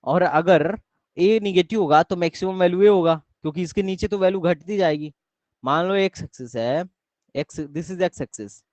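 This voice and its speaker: A man's voice: sits high, normal speed, a little mellow, no room sound. Young man teaching math online. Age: young adult. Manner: keeps quizzing students, repeats questions. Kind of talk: live online class lecture.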